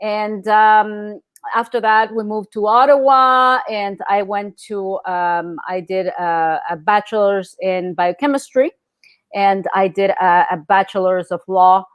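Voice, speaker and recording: A middle-aged woman from El Salvador talks as a guest in a casual interview. Her voice sits at an ordinary pitch, and it sounds dry and close with no room echo. She hesitates often, full of fillers and restarts. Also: steady tone, takes it slowly, clean tone.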